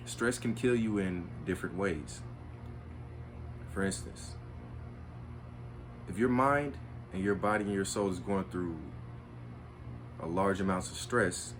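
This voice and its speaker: A man's voice: sits low, a little hiss or hum. A man hosting his own spiritual video, lecturing in an earnest, repetitive, preachy way. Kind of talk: monologue to camera.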